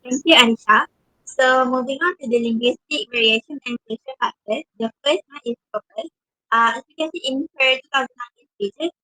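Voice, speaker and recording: Bright, high young woman presenting. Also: dry recording, rough recording. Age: young adult. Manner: reads notes with many uh fillers and restarted words. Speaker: university student presenter. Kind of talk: scripted class presentation.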